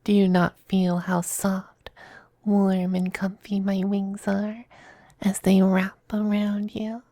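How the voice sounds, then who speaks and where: In a close, intimate ASMR roleplay, a woman voices a possessive demon femboy, her mid-range voice level and dark with no echo. She takes her time, coy and slightly creaky, in a very dry, close sound. The demon teases smugly but fondly, often drifting into a breathy whisper, with a tender, coaxing mood.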